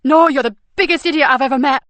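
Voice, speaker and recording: A woman voicing a fierce female police detective, talking loudly and forcefully. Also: sits high, a little slow, no room sound, voice pushed up. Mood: desperate. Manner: loud, forceful, desperate.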